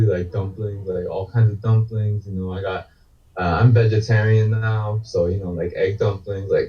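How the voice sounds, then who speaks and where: Man, low voice, rambling casual panel intro, dull lo-fi call sound. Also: mellow. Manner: loose, rambling, many "like" fillers. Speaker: game designer panelist. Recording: distant, dull lo-fi call audio.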